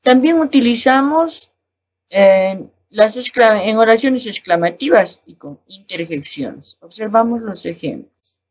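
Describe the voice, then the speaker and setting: Husky woman teacher with lively pitch. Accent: Bolivian Spanish. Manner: slow, explanatory, reading examples aloud. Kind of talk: recorded class lesson.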